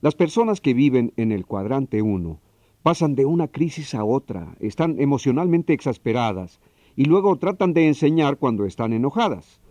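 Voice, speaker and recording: A man giving a dubbed seminar lecture. He explains in a measured way and speaks straight to his audience. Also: medium pitch, very animated, warm tone, no room sound.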